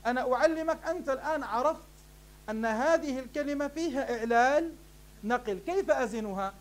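A sheikh gives a classroom lecture on Arabic morphology in a very high-pitched, brisk voice. He poses questions and answers them himself, warmly calling his students "beloved ones."

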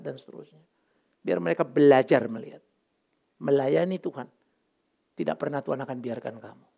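A man's voice: high voice, vocal fry, a little mellow. A middle-aged male pastor giving a candid, emotional sermon, mixing English words into his talk.

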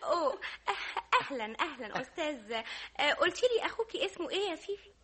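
A woman's voice: high-pitched, expressive, quick pace, bright, forceful tone. A giggly, French-sprinkling society girl. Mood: affected. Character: affected young woman of the club set. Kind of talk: Egyptian radio drama acting.

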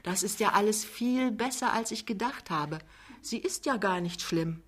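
A woman as a shy, gentle young wife. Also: mid-range voice, normal speed, slightly rough, natural voice. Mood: soft. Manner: soft, hesitant. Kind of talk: audiobook reading.

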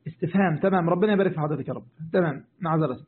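Man, Egyptian Arabic accent, sheikh teaching a religious lesson, quick talker, repeats himself, tinny phone-like sound. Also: on the high side. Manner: talks to listeners directly, repeats points, answers questions. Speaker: sheikh teaching Quran commentary.

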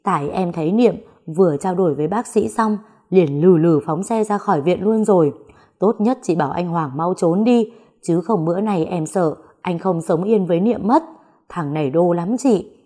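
A loyal young man urgently passing on a warning, as a woman reader puts him on. The tone stays low and mellow, hurried and respectful in a storybook narration. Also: breathy edge. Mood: worried. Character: young man, worried brother-in-law, loyal.

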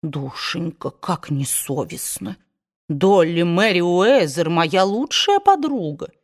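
A woman's voice: lowish voice, sing-song, slow, full character voice. A woman doing a fussy, tearful old aunt. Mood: fretful. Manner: fretful, scolding softly.

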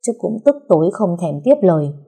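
A woman tells a dramatic story in a vivid, expressive way. Her voice is low, mellow and husky. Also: brisk.

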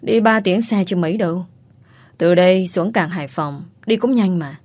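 Storybook role: hot-headed mother, loud and blunt, put on by a woman narrator. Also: on the low side, moderate pace, no room sound, close to an everyday voice. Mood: urging. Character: hot-tempered village mother, fiercely protective.

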